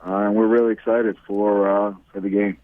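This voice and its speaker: A football coach, a man, answering questions over the phone in a low-key, halting way with many fillers. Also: little pitch movement, no echo. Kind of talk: phone interview. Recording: tinny dry phone line.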